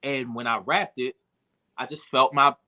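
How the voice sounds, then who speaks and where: Man, bright tense voice, candid rambling storytelling, emotional. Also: mid-range voice, steady tone, unhurried. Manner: emotional, reflective, many fillers and restarts. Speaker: podcast guest, rapper and producer.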